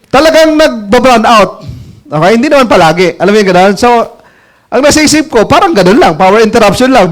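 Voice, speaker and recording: A network marketing mentor with a high voice tells a story to an audience in a casual, chatty way. He laughs often and asks listeners "alam mo yung ganun?", drawing laughter from the crowd.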